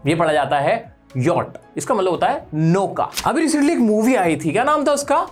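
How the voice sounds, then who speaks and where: A woman's voice: mid-range voice, animated, fairly quick, faint music behind. A woman teaching English pronunciation, quizzing the viewer on each word and then correcting the answer firmly. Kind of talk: pronunciation lesson.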